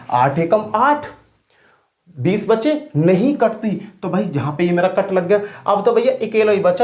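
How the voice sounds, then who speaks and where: A man teaching exam math tricks in a loud, colloquial, playful coaching style, standing at a board. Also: high voice. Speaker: math teacher for police exams. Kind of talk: energetic coaching lesson. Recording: echoey room.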